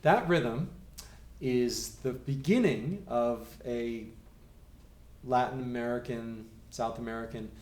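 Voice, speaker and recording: A middle-aged man teaching a piano rhythm lesson, counting beats aloud in a calm, patient way. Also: mid-range voice, slow. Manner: calm, patient, counts steadily and talks the class through exercises. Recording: echoey room with faint noise.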